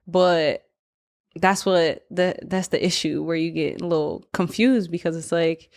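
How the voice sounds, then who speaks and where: A woman's voice: fairly low pitch, unhurried, a little mellow. A woman in casual podcast chat, telling her experience in candid, slangy words. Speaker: podcast guest.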